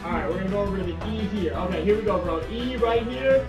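A young American man in his twenties hosting an online game show with animated, upbeat host patter. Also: high-pitched, fast talker, echoey room, over music. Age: 20s. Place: small room indoors at home. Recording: dull lo-fi webcam sound.

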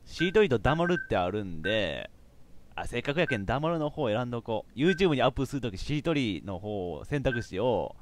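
A man with a commentating a live game stream, animated, often laughing and shouting. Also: medium pitch, fairly quick, a little hiss or hum. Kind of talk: live let's play commentary.

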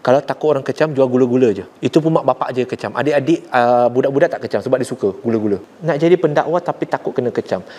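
A man with a Malaysian accent preaching to young people, blunt and forceful, mixing languages and rising sharply to drive points home. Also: medium pitch. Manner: rises sharply when making a point. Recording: long hall reverb.

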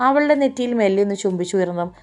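A woman narrating a romantic audiobook story, steady and expressive. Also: medium pitch, very fast.

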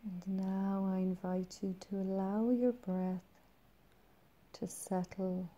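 A woman leading a guided meditation in a soft, breathy, soothing manner, leaving long pauses between short phrases. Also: mid-range voice, steady tone, dull audio.

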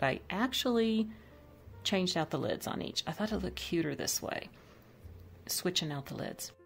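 This woman's voice is gravelly and sits on the low side. In a casual voice-over demo, she chats while decorating her kitchen at home, thinking out loud about every item.

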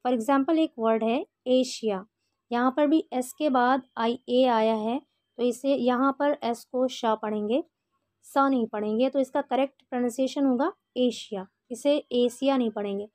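An Indian woman teaching English pronunciation, explaining rules slowly and patiently, step by step. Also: a little high, a little mellow, no echo. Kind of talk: explaining a lesson in Hindi.

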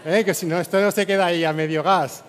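A man with a Spain Spanish accent giving a motivational conference keynote, speaking energetically to a live audience and tagging his phrases with quick "eh?" and "no?". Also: high-pitched, big-room sound, slight background noise. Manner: energetic, peppers speech with "¿eh?" and "¿no?" tags; addresses and rallies a live audience. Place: conference stage before an audience.

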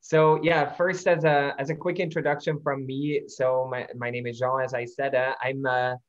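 Flat-voiced Belgian man, dull call audio. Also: medium pitch, moderate pace. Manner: friendly, filler-heavy self-introduction. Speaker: startup founder, co-presenter. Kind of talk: online conference presentation. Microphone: video call.

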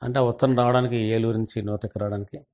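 A man's voice: mid-range voice, fairly even intonation, quick pace, darkish tone. An older man and senior journalist, earnestly telling a family story in an interview and mixing in English words.

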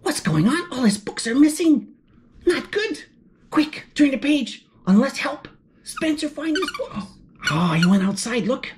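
A woman reads a picture book aloud to children in an animated way, her high-pitched, darkish voice swinging widely in pitch at a slightly slow pace. She gasps in surprise and asks the listener questions as she turns pages, with slight background noise present.

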